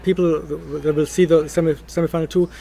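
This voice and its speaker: A man's voice: on the high side, flat delivery, brisk, gravelly, warm tone, a little hiss or hum. A man giving opinions on a panel, hesitant and often restarting his words. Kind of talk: casual panel discussion.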